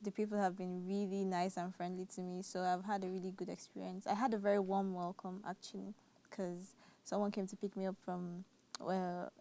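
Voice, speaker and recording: A woman's voice: medium pitch, mellow. A young woman from Nigeria with a Nigerian accent, a nursing student answering interview questions hesitantly. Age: young adult.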